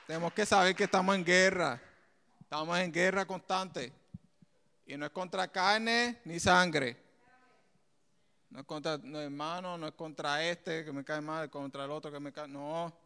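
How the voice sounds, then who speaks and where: High, resonant man preaching in a hall. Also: measured pace, smooth. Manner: animated preaching with asides and laughter. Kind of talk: sermon.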